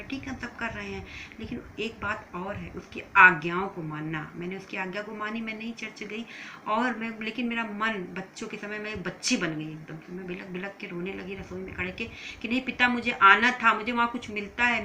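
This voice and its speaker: A woman's voice: mid-range voice, pushed and bright, a little hiss or hum, poor audio. A woman from India preaching a sermon with emotional, emphatic bursts.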